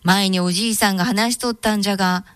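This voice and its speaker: A woman narrating a folk tale in a Tango Kyoto dialect, with a steady, measured telling. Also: medium pitch, smooth, no room sound. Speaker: storyteller and co-host.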